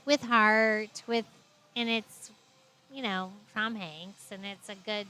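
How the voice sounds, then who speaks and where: A woman's voice: medium pitch, slow. Middle-aged woman cohosting a movie podcast, laid back, chimes in and laughs a lot. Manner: relaxed, agreeable, laughs easily. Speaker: podcast co-host. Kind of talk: casual film review chat.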